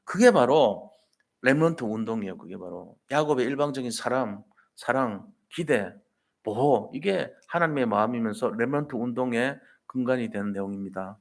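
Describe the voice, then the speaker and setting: Animated preaching man with rhetorical questions. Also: mid-range voice, normal speed, creaky. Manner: emphatic, rhetorical questions to the congregation; colloquial, storytelling preaching. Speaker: pastor. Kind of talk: Sunday sermon.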